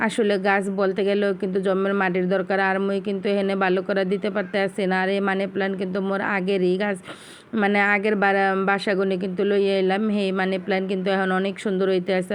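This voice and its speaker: A woman vlogger with a Barishal Bengali accent rattles along quickly, talking straight to her viewers in casual chat. Her voice is smooth and clear, and her pitch stays fairly level. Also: darkish tone. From Bangladesh. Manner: chatty, addresses viewers directly. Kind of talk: casual home vlog chat.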